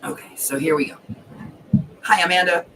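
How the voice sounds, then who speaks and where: A man's voice: fairly high pitch, steady tone, moderate pace, gravelly, pushed and bright. A man hosting a casual livestream who rambles and corrects himself as he goes, swearing now and then, while fighting the hiccups. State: has the hiccups. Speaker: livestream host. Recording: distant mic with faint background noise.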